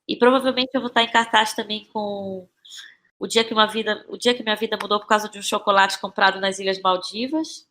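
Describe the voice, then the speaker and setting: Brisk and pushed, her bright mid-range voice keeping fairly even intonation, a Brazilian playwright and actress talks as a podcast interview guest. She speaks with a Brazilian Portuguese accent in a casual, reflective way, often circling back over phrases as words come to her.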